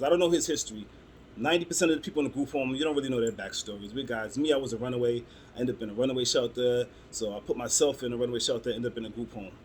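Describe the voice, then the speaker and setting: A man's voice: medium pitch, slight background noise. A man, telling personal stories to camera in a loose, rambling way with many "um"s. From Brooklyn, New York. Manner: loose, rambling delivery with frequent "um"s and restarts. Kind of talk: casual storytelling to camera.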